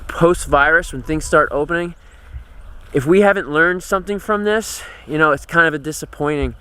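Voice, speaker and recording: A man's voice: fairly high pitch, a bit bright, slight background noise. An American man in his thirties giving an earnest, conversational walk-and-talk vlog update outdoors on a farm. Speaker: homesteading vlogger.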